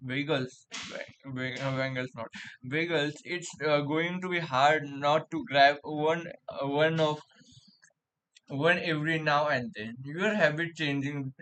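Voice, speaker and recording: Halting man speaking with pen in teeth. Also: a little high, a bit bright, smooth. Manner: speaking with a pen held in the mouth, muffled articulation; halting reading, stumbles and repeats words. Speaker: vlogger reading a book aloud for vocal practice. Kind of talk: reading a book aloud.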